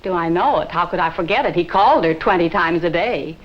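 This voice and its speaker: A woman's voice: fairly low pitch, a little fast, dull audio, natural voice. An actress playing an earnest woman who speaks plainly as a witness and interpreter, in a 1950s TV drama.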